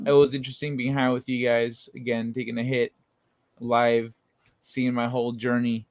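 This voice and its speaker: A man's voice: mid-range voice, flat delivery, normal speed, no room sound. A young man hosting a late-night livestream, chatting in a laid-back, rambling way and laughing often. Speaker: livestream host. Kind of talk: casual late-night chat.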